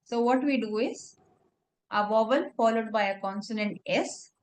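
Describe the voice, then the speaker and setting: A French tutor with a fairly high voice gives a one-on-one language lesson at normal speed. She patiently spells words out letter by letter and says "okay" often.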